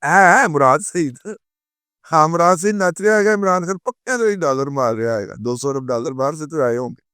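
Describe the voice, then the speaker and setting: A man's voice: fairly high pitch, a bit bright, clear, resonant tone, dry recording, studio quality. A male political analyst with a Punjabi accent giving a heated, scornful commentary monologue that mixes in Punjabi phrases. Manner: switches between Urdu and Punjabi.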